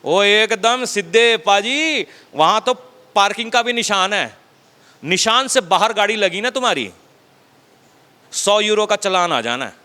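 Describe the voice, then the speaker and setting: A man preaching a sermon as a pastor, talking conversationally and dropping his voice low to stress a point. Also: lively intonation, unhurried, sharp tone, in a large hall. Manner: conversational preaching, acts out quotes, drops low for emphasis. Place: church hall.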